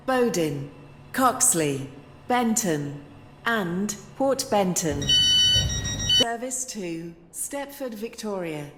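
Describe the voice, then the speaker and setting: A woman making a train station announcement over a loudspeaker, with a measured, even cadence. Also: medium pitch, noisy background. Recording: echoey, reverberant station hall.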